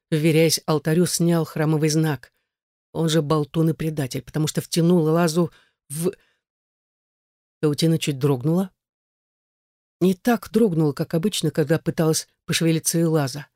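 An audiobook narrator with a mid-pitched voice, reading in a measured, dramatic way. The sound is dry and close. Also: a little mellow, no room sound.

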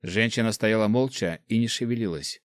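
A man narrating a fantasy audiobook in a measured, even reading. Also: fairly low pitch, no echo.

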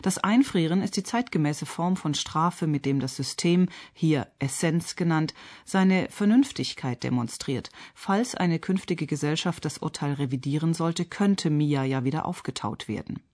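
A woman radio critic reads a scripted theatre review, articulate, measured, and pointed. Her voice sits low and has a darkish tone.

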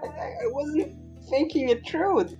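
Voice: mid-range voice, very animated, unhurried, muffled recording, soft background music. A player voicing a stammering, regretful retired star. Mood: hesitant regret. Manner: stammering, hesitant. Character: regretful retired male celebrity, hesitant.

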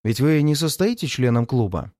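A man reading aloud, voicing a stiff, formal gentleman of a club who politely insists. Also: mid-range voice, sing-song, normal speed, dry recording, clean studio sound, lightly acted. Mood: stiffly formal.

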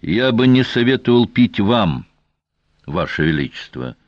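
A man voicing a shrewd male royal guardian who speaks with measured, elaborate politeness, in a dry, slightly dull audiobook recording. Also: on the low side, big pitch swings, no room sound. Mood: courtly.

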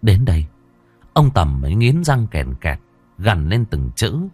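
Slow, expressive male horror narrator. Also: low-pitched, slightly rough, no room sound, soft background music. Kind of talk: dramatic horror story narration.

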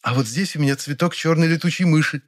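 A man's voice: medium pitch, little pitch movement, brisk, voice pushed up, lightly acted. A man voicing an older woman, a proud amateur gardener who boasts and fusses over her plants. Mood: boastful. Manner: boastful, fussy.

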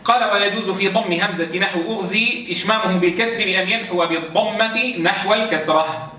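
A man teaching a class on Quran recitation rules. He explains step by step, slowly drawing out sounds to demonstrate and often checking with his students. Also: sits high, pushed and bright. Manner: keeps checking understanding with quick questions to students. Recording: echoey room, voice from a distance, faint noise.

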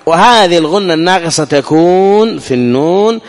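High-voiced man teaching in a hall. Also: animated. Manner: asks the listener questions and demonstrates sounds slowly. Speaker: tajweed teacher. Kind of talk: recorded lesson explaining recitation rules.

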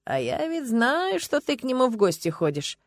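A woman's voice: high voice, very animated, moderate pace, dry recording, studio quality, pitched above the performer's own voice. A woman voicing a drunk, pushy male police captain who keeps prying, in an audiobook reading. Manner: prying, slurring, swaggering.

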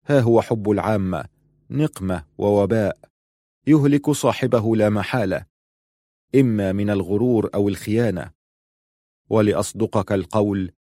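A man narrating a novel in a steady, reflective audiobook reading. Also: fairly low pitch, dry recording, clean studio sound.

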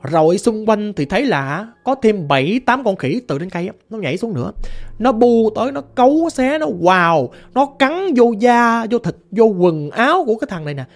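A woman telling a ghost story in a lively, vivid way with a Southern Vietnamese accent. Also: medium pitch, moderate pace. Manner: lively, vivid, sound-effect words.

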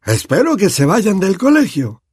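A male narrator plays a serene old headmaster, measured and gently firm. His voice sits higher, lively and a bit husky, in a dry close recording. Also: no room sound, exaggerated voice. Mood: calm.

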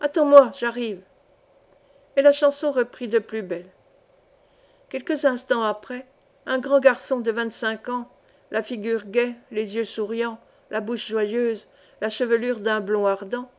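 Woman narrator, audiobook, classic novel, steady phrasing, fairly high voice. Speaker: audiobook reader.

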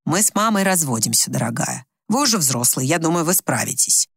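A woman voicing a tired, bitter older husband who speaks slowly and low in an audiobook story. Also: sing-song, gravelly, a bit bright, slightly rough, dry recording, clean studio sound, exaggerated voice. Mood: weary. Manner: tired, slow, low and resigned.

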